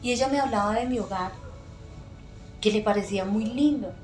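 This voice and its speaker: A middle-aged woman giving an earnest, emotional personal faith testimony as a podcast guest, pausing often with soft fillers. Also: mid-range voice. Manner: earnest, emotional storytelling with many pauses and fillers. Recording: echoey room with faint music.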